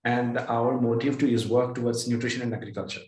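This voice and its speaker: A man from India introducing himself on a video call, talking quickly and politely with many fillers. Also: mid-range voice, little pitch movement. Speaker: conference participant. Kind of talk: online self-introduction. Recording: roomy video-call audio.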